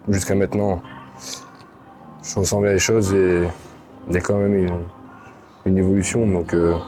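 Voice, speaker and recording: A man with a Swiss French accent talking casually through his workout in a gym, hesitant and full of fillers, tired late at night. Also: deep voice. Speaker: gym vlogger. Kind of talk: casual workout vlog talk. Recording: gym recording with loud background music.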